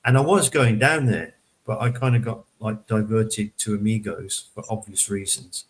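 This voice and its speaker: A man's voice: lowish voice, fairly even intonation, moderate pace, poor audio. A man chatting casually on a panel show, rambling with lots of fillers and repeated words. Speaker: panelist reporting on a local event. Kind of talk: casual chat.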